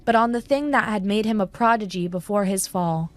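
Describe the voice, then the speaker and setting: A woman narrating a fantasy story in a steady, measured, scripted style. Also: medium pitch, faint music behind.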